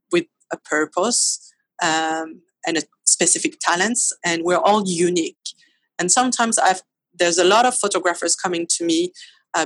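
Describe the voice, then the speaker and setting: French woman, low dry voice. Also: no echo, rough recording. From France. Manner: earnest, reflective, with pauses and restarts. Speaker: guest photographer. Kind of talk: podcast interview.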